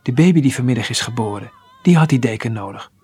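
A man's voice: medium pitch, animated, quick pace, a little mellow, slightly rough. A man voicing a poor, earnest street boy in a read-aloud children's story.

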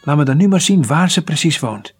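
Brisk kindly doctor, read by a man, lifted pitch, muffled sound. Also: animated, slightly rough. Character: kind male town doctor, brisk and caring.

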